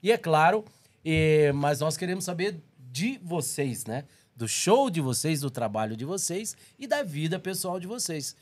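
Man, 60s, Brazilian accent, podcast co-host, slightly high voice, joking, storytelling, studio desk mic. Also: very animated. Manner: jokey, storytelling, quick to laugh. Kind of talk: casual studio chat. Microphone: desk microphone on boom arm.

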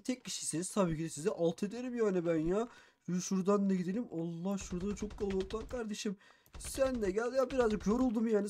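A man narrating a game role-play as a gaming YouTuber, excitable and boastful, with frequent exclamations. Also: high voice, a little hiss or hum. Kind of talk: Minecraft role-play commentary.

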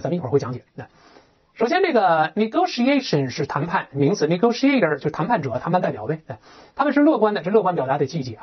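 Brief: fast-talking teacher with a husky voice, bouncy pitch, on a dull lo-fi recording. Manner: lively, asks rhetorical questions, reads example sentences aloud. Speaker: English teacher. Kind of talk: explaining a textbook lesson in Chinese.

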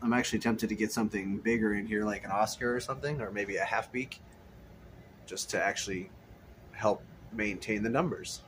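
A man gives a casual, rambling tour of his fish room's many tanks, shooting it indoors on a handheld phone as a hobbyist vlogger. His voice is on the low side and a bit bright, he talks a little fast, and slight background noise is present.

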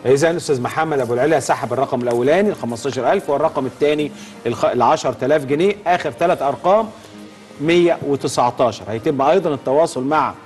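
A middle-aged Egyptian-accented man hosts a live prize draw on television. He talks extremely quickly at a medium pitch, in a hyped, emphatic giveaway style that repeats key phrases. Faint music plays behind him. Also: a little mellow. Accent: Egyptian Arabic. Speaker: TV host. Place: TV studio. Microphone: lapel.

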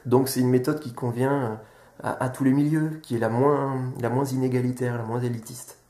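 A man calmly explaining to viewers how children learn to read, sounding out syllables one by one. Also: mid-range voice, normal speed. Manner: patient, sounds out syllables step by step. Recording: echoey room.

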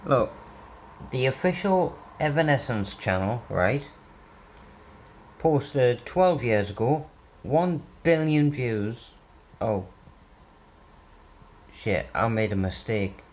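A man's voice: medium pitch, animated, slow, pauses often, darkish tone, low-quality recording. A man from North East England, chatting bluntly in a sweary, casual vlog. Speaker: vlogger.

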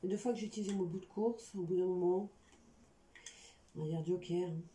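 A woman's voice: lowish voice, steady tone, brisk, warm tone. A woman with a slight lisp on her s sounds, chatting informally through a hands-on craft tutorial as its host. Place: indoor room at a craft table. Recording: echoey room, faint background noise.

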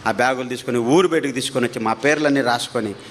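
A man preaching his testimony as a story, animated, his pitch climbing at tense moments, repeating phrases for emphasis. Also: very fast, slight background noise.

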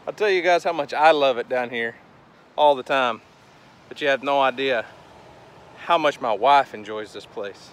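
On a windy beach, a man in his thirties talks about fishing in a casual, upbeat vlog shot on a handheld camera at arm's length. His mid-range voice has a fairly bright tone, moves a little slowly, and includes long pauses.

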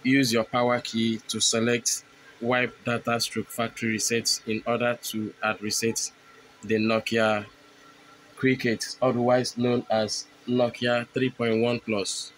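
Man, tech tutorial narration, monotone delivery, mid pitch, noisy background. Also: measured pace. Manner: instructive, repetitive phrasing. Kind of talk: step-by-step phone tutorial narration.

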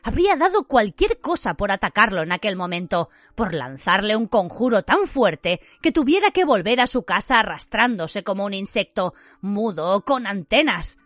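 A woman narrating an audiobook in an expressive storytelling manner. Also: medium pitch, normal speed, few pauses, no echo.

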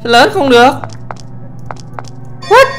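A man giving let's play commentary on a horror game, excitable and often exclaiming and swearing casually. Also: very high voice, extremely slow, soft background music. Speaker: gamer, channel host.

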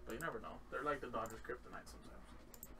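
A man chatting casually about baseball in quick, laughing banter, off to the side of the mic. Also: medium pitch, fairly even intonation, crowd noise. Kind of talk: casual sports chat. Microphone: away from the mic. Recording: distant voice with noise.

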